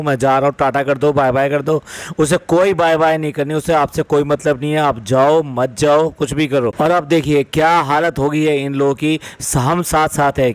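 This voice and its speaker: A man talks in a raised, fairly high register, his commentary biting and sarcastic as he picks apart other people's online habits. The sound is close and dry, with no room around it. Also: no echo. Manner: sarcastic, mocking. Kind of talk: critical commentary on vloggers.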